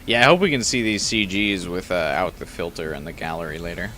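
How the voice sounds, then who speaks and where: A gameplay streamer with a low, brisk, bright, forceful voice gives casual, irreverent game commentary and reads story text aloud, with some background noise.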